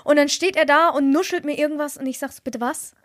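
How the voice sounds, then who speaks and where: A young woman with a high voice chats casually and retells an anecdote, imitating what others said. Her voice is recorded close and dry. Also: quick pace, a bit bright, dry recording. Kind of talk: casual chat.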